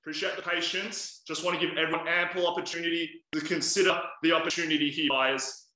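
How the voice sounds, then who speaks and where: A man's voice: fairly high pitch, fairly even intonation, fast, pushed and bright. A man, calling a live property auction and coaxing buyers with repeated bid amounts. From Australia. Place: indoors by a large glass window. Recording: echoey room sound.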